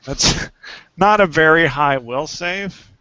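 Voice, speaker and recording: Man game master, bright tone, slow unhurried talk, dry dull lo-fi recording. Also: a little high, smooth, dry recording. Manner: relaxed, laughing, stumbling over rules. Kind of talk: running a tabletop game.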